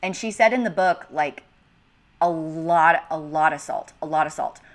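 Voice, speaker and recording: A woman's voice: sits low, normal speed. A woman in her thirties from the United States, hosting a home cooking channel in a chatty, upbeat voice-over with casual asides. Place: home kitchen.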